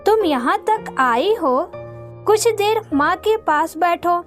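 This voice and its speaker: A woman voicing a calm grown son who patiently coaxes his wife. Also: extremely high pitch, slow pace, soft background music, full character voice. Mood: coaxing. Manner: gently persuading.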